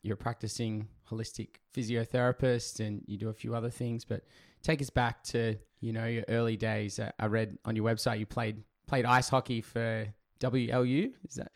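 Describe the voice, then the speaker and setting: During a casual podcast intro and interview, the host talks at normal speed with few pauses, keeping his medium-pitched voice fairly flat. He's chatty and enthusiastic with lots of fillers, and still recovering from laryngitis. The studio-quality recording is dry.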